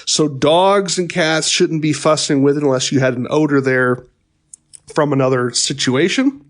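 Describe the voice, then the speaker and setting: A man's voice: a little high, moderate pace. A middle-aged man giving a pest control training talk in a conversational way, with wry asides and frequent fillers and restarts. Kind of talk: instructional podcast talk.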